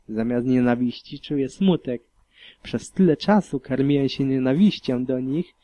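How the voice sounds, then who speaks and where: A man narrates a story in the first person with a somber, reflective delivery. His voice is dark and mellow. The recording is dry and close. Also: medium pitch, no room sound. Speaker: audiobook reader.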